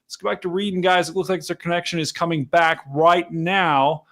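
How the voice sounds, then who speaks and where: Male livestream weather host, notably high voice, urgent and explanatory, talking casually to his chat. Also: fairly even intonation, a little fast, fairly bright tone. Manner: explanatory, urgent hype, casual address to viewers. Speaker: livestream host commentating on storm chase. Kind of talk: live weather commentary to chat.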